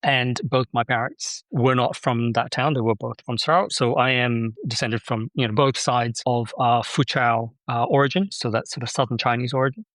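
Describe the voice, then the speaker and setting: A man's voice: medium pitch, moderate pace, fairly bright tone, dry recording. A man from Malaysia, a podcast guest, talking casually in a reflective way, often restarting his sentences. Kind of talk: casual interview talk.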